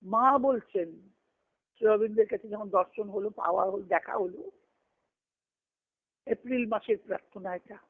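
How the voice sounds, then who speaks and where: A spiritual discourse speaker, this woman recites scripture and verse in an earnest, emphatic devotional talk, leaving pauses between short phrases. Her voice is medium in pitch, and the conference phone line makes it sound tinny and band-limited.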